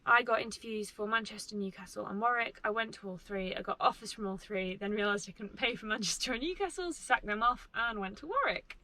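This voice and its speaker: A woman's voice: medium pitch, brisk, hardly any pauses, bright, forceful tone, low-quality recording. A woman in her twenties, a medical student vlogger, chatting casually and informally to camera in a self-deprecating way. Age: 20s. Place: inside a parked camper van.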